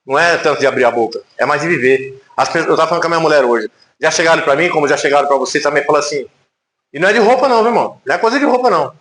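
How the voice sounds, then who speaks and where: Brazilian male pastor, emphatic and conversational sermon, raised pitch, roomy church sound. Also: very fast, a bit bright. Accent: Brazilian Portuguese. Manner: conversational, emphatic preaching with rhetorical questions. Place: church sanctuary. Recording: echoey church hall.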